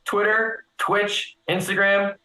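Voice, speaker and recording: A man with a mid-pitched, bright voice makes his case step by step on a casual stream. The sound is roomy and echoey. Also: little pitch movement, slow. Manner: argumentative, lays out points step by step. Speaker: guest. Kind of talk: casual live-stream chat. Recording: roomy echo.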